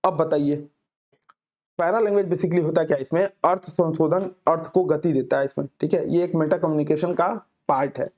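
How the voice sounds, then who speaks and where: A man teaching an exam-prep class, explaining answers with homely examples and reading questions out slowly. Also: on the high side, steady tone, darkish tone. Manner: reads English questions out very slowly, then explains with everyday examples. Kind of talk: Hindi lecture solving exam questions.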